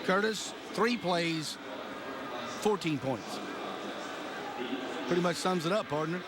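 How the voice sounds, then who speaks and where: A man's voice: high-pitched, slow pace, a loud crowd. A man giving color commentary on a live football game from a stadium booth. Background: loud stadium ambience.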